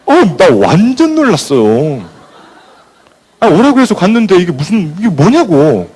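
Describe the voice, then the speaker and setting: A man's voice: high voice, measured pace, slightly rough. A man giving a motivational talk to business partners, telling stories and acting out scenes as he goes. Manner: animated storyteller who acts out scenes. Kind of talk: motivational speech with storytelling.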